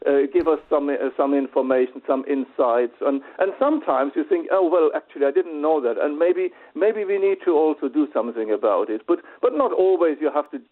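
Male phone-in guest, slightly raised pitch, measured hesitant delivery, tinny phone line. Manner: measured, hesitant with many uhs. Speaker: phone-in guest, party spokesman. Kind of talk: radio interview over the phone. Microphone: telephone.

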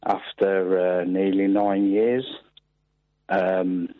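A man's voice: low-pitched, level tone, extremely slow, dry recording. A man in his thirties calling in over the phone, hesitant and full of ums and restarts. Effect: heard over the phone. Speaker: caller to a phone-in show. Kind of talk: casual chat. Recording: dull phone-line sound.

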